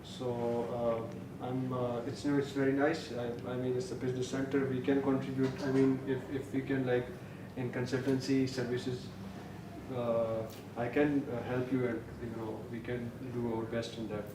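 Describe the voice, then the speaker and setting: A man introduces himself hesitantly, filling pauses as he searches for words. His voice is flat, far from the mic in an echoey room with clear background noise. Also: medium pitch. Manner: hesitant, many fillers.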